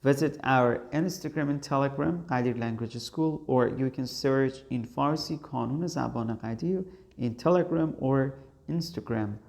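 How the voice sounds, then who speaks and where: A man whose first language is Persian, teaching an online English class in a slow, halting way with many fillers. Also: mid-range voice, vocal fry, darkish tone.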